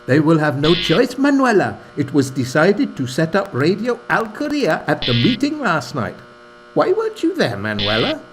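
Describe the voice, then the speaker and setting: In a scripted comedy radio play, an actor voices an earnest, excitable village man who also narrates, in a theatrical manner. His voice is on the high side at a moderate pace, with background noise.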